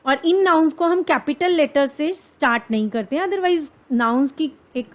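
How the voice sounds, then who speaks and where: A woman with an Indian accent teaching an exam-prep grammar lesson. She asks questions and answers them herself, mixing English phrases into her explanations and reading English examples deliberately. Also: sits high.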